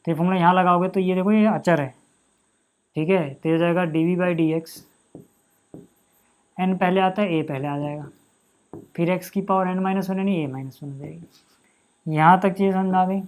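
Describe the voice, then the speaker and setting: A man teaching a maths lesson, talking casually to students and repeating each step slowly as he writes. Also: sits high, fairly even intonation, darkish tone, clear, resonant tone. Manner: casual, addresses students as bhai and yaar, repeats steps slowly while writing.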